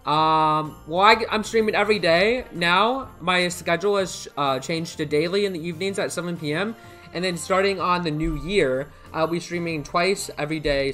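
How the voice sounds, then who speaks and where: His voice is on the high side, bright and forceful: a young man from the United States hosting a live game stream at an indoor computer setup. Talking casually into a headset mic, he rambles, repeats himself, reads chat messages, and thanks viewers by name.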